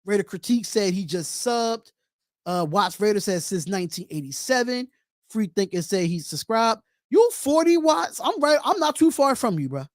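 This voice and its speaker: A man's voice: high voice, normal speed, dry recording, studio quality. Laid-back man in his thirties. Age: 30s. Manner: relaxed, reads chat comments aloud, slangy. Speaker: podcast co-host. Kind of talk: casual sports podcast chat.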